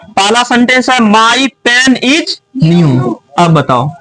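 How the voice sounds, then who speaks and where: High-pitched guy teacher quizzing a class, calls out loud sometimes. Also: low-quality recording. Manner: quizzing students, often raising voice.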